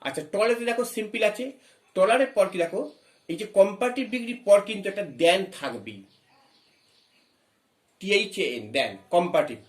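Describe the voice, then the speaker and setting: A high-voiced man from West Bengal teaches an English grammar lesson with lively intonation in an echoey room. He explains step by step, asks questions, spells words letter by letter, and reads English phrases slowly.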